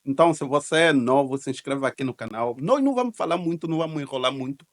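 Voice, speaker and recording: Brief: male host, casual reaction talk, chatty, repeats himself, mid pitch. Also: animated, quick pace. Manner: chatty, repeats words, laughs along.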